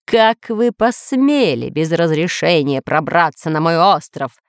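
A gloating masked villain out of a children's storybook, as a woman narrator puts him on. He booms his threats slowly in a lowered voice, with a close, dry sound. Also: animated, fairly bright tone, smooth, dry recording. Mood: menacing. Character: boastful masked villain, self-styled ruler of the island.

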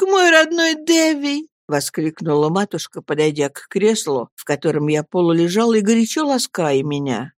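A woman reading a classic novel aloud, telling it in an expressive, even way. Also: low-pitched, dry recording, clean studio sound. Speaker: audiobook reader. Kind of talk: literary narration.

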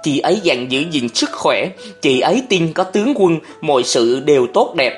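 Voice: medium pitch, animated, faint music behind, close to an everyday voice. A narrator voicing a young male scholar-aide who speaks in bitter, heated outbursts in an audiobook. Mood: earnest. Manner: heated, raised voice, fast outbursts. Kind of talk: audiobook character voice.

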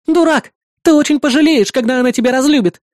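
A reader voicing a bratty, loud young girl who scolds and shouts. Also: fast, no echo, clean studio sound, lightly acted. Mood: indignant scolding. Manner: shrill, shouting.

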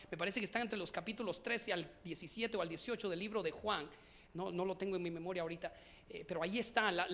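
Male pastor, sermon delivery, self-interpreting line by line, stammering restarts, loud scripture reading and hushed asides. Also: high voice. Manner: repeats each phrase in a second language; swings between loud reading and soft intimate asides. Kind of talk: bilingual sermon.

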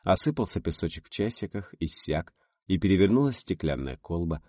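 A man narrating an audiobook with an expressive reading. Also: deep voice, brisk, no room sound, studio quality. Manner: expressive reading, voices for characters.

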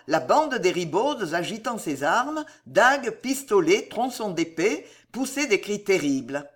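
An audiobook narrator reading a historical adventure novel in a measured, expressive storytelling manner. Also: mid-range voice.

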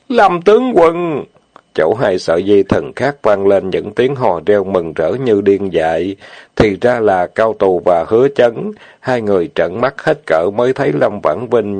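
A man narrating an audiobook novel in a steady, plain reading. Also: lowish voice, gravelly, no echo. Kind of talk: storytelling narration.

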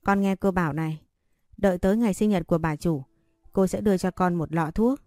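A woman's voice: lowish voice, fairly quick, a little mellow, no echo, studio quality, soft background music, lightly acted. A woman reading a story voicing a scheming woman who coaxes a servant over the phone. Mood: coaxing. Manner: coaxing, persuasive.

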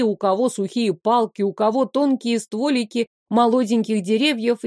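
Female audiobook narrator, somewhat high voice, wry lively delivery, dead-dry studio sound. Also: dry recording. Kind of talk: first-person storybook narration.

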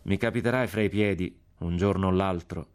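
A man's voice: low voice, brisk, a little mellow, a little hiss or hum, close to an everyday voice. A male reader voicing a hostile partisan officer, scornful and menacing. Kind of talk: audiobook character voice.

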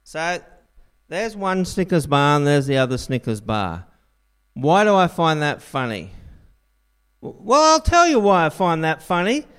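Guy preaching in church, high voice, bounces all over, cracks jokes as he goes. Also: a little slow, clear, resonant tone. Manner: jokey, animated storyteller. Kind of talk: sermon.

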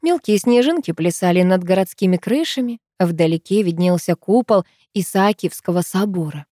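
A woman reading an audiobook in a lively storytelling manner. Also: on the low side, moderate pace, no room sound, clean studio sound. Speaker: audiobook narrator. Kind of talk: scripted narration.

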